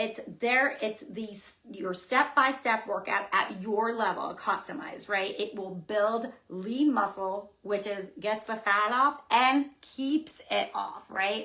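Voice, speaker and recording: Energetic woman fitness coach co-hosting a casual coaching webinar. She talks emphatically, pushing her points hard and tagging lines with quick check-ins to the listeners. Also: mid-range voice.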